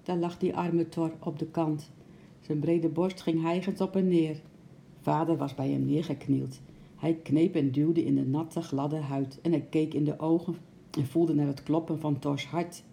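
A woman narrating a children's story aloud in a gentle, expressive way. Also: low voice, a little slow, vocal fry, a little hiss or hum.

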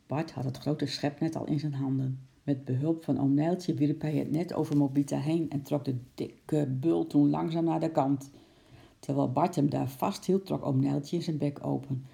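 A woman narrating a children's storybook aloud in a calm, lively way. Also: low voice, gravelly.

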